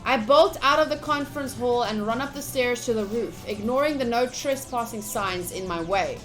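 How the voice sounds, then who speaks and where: A high-voiced woman streams a visual novel live, reading its text aloud with some drama before drifting into chatty asides to her viewers. Soft music runs underneath; she talks at normal speed and the audio quality is poor.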